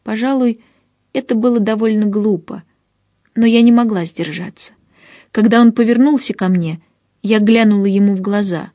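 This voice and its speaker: A woman narrates a storybook in the first person with expressive pacing. Her voice is mellow and warm-toned, recorded dry and close to the mic. Her pitch sits in a middle range. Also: moderate pace, no echo. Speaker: audiobook narrator. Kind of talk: scripted audiobook narration.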